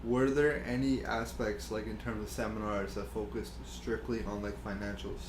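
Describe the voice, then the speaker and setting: A man's voice: fairly low pitch, flat delivery, a little hiss or hum. Man asking questions in an echoey room. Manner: quick agreeing replies, measured questions. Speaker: podcast co-host. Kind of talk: casual chat.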